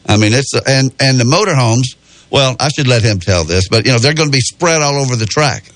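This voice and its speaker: A man's voice: mid-range voice, expressive, fairly quick, fairly bright tone, dry recording. A man with a Southern US accent and a rural drawl, hosting a casual sports talk radio show in a folksy way. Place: radio studio. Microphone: close studio microphone.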